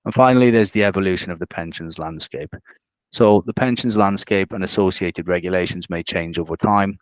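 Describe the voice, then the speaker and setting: A male financial adviser giving a measured, businesslike explanation on a video call. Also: low-pitched, smooth, dry recording.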